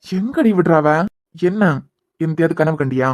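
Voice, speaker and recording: A man's voice: a little high, lively intonation, moderate pace, darkish tone, lightly acted. A man with a Kanyakumari Tamil accent voicing an affectionate young husband in a cartoon web series, teasing and reassuring.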